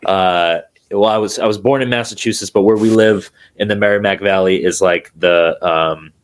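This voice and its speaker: A young drummer from New Hampshire, USA, is interviewed as a guest over a remote video call, talking in a relaxed, hesitant way full of ums and restarts. His voice is deep, at normal speed.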